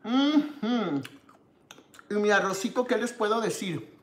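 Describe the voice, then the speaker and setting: A woman's voice: medium pitch, animated, slow, roomy sound, a little hiss or hum. A woman from Mexico hosting a live cooking stream, tasting her dish with contented hums and greeting viewers by name. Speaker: cooking show host.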